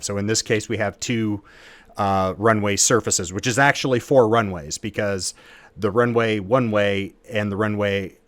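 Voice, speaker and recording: A man with a fairly low, fairly bright voice hosts an aviation lesson, recorded dry. He teaches informally and conversationally, going step by step and using technical jargon.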